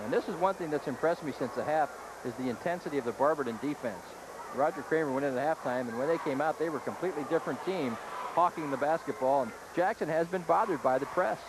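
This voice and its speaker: A man's voice: a little high, quick pace. A man giving live basketball analysis as a color commentator. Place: basketball gymnasium. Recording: very noisy live gym broadcast.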